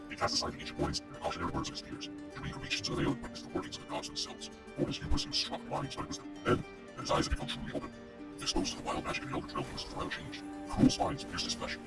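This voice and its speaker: An ancient male shrine keeper whispers his solemn lore in a slow, ceremonial hush. His voice is extremely deep and sounds far from the mic. Loud game music swells behind him. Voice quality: whispered, hushed. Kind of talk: in-game lore note read aloud. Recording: distant voice under loud music.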